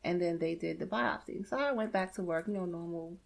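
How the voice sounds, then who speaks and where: A woman, a guest on an interview show, telling a personal story in a lively way and acting out the conversations she had. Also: fairly low pitch, fairly quick, creaky. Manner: retells events with lots of "like" and acted-out dialogue.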